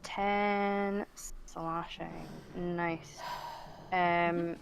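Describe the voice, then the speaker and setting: A woman's voice: fairly low pitch, flat delivery, drawn-out words, vocal fry, a little hiss or hum, rough recording. A Scottish woman narrating a tabletop game as game master, chatty and laughing often. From Scotland.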